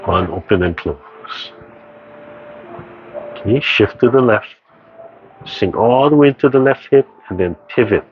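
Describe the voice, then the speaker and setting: A dull, noisy recording of a male tai chi instructor with a fairly low voice. He gives serene cues one short phrase at a time, guiding each movement in a calm, measured way. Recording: dull, muffled audio with background noise.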